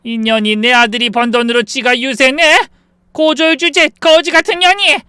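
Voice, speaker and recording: A man's voice: a little high, brisk, fairly bright tone, clean tone, dry recording, studio quality, natural voice. A man voicing a drunk, furious older woman who screams insults at her daughter-in-law. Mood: drunk shrieking. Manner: shrieking, slurring insults.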